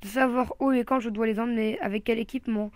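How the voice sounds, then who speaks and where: A woman's voice: on the high side, fairly even intonation, fast talker, no echo, lightly acted. A woman reading a storybook aloud, voicing a fussy, overbearing mother who gushes and coos. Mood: earnest. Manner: gushing, cooing.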